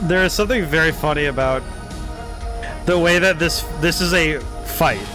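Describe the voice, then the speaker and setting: A man's voice: a little high, moderate pace. A man giving casual live game commentary as a streamer, enthusiastic and thinking aloud. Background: game music.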